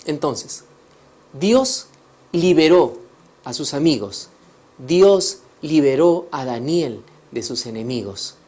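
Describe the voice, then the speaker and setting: A man telling a religious story as a sermon, swinging between loud emphasis and soft, hushed passages. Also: mid-range voice, lively intonation, slow, husky. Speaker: teacher of a religious course. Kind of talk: preaching storytelling.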